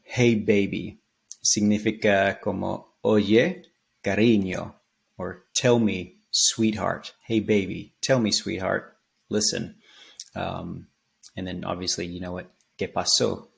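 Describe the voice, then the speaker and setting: Low gravelly man teaching casually. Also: slow pace. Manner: relaxed, rambling, many ums and restarts, sings snippets. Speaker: language teacher. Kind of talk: casual spoken lesson, explaining song lyrics.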